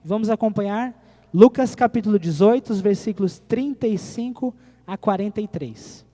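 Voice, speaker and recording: A man preaches in a high voice, rising to loud appeals and dropping to near-quiet. He keeps asking the congregation questions. His voice rings with the long echo of a church hall. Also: moderate pace. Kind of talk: sermon.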